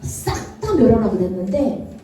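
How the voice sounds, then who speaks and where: Animated woman preaching to children, echoey church. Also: mid-range voice, unhurried. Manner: animated, playful, acts out characters and asks the children questions. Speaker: children's Sunday school preacher. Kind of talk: lively children's sermon with acted Bible voices. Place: church worship room. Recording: roomy echo, distant from mic, faint ambience.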